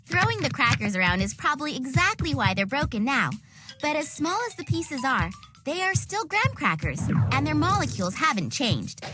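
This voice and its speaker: A woman's voice: high voice, big pitch swings, normal speed. A woman voicing a cheerful girl who patiently explains science to a friend in an educational cartoon, with music underneath. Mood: upbeat.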